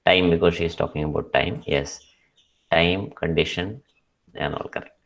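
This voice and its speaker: A man's voice: low-pitched, steady tone, drawn-out words, creaky, a bit bright, low-quality recording. A middle-aged man with a Malayali English accent, teaching an English lesson and explaining step by step with frequent restarts. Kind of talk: lecture.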